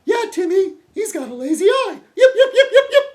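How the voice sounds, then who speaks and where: A man's voice: very high voice, big pitch swings, a little fast, pitched above the performer's own voice. A man voicing a fawning older male commenter who yaps eager agreement like a lap dog.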